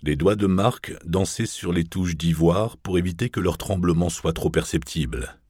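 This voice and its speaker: Deep-voiced male audiobook narrator. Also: breathy edge, no room sound, clean studio sound. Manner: measured, even literary reading.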